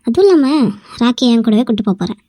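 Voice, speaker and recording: A woman's voice: sing-song, quick pace, warm tone, no room sound, studio quality. A woman voicing a scheming young rival who fakes fear. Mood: sly, scheming. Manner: whimpering and pleading, then low and sly in asides. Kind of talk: amateur cartoon voice acting.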